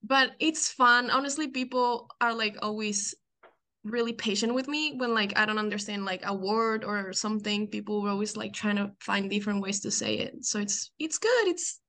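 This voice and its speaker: A young Colombian woman whose first language is Spanish speaks with a Colombian Spanish accent as a guest in a casual interview, where she appears as a college diver. Her mid-range voice moves at a moderate pace, pushed and bright, and she's hesitant, filling gaps with "like" and laughing often.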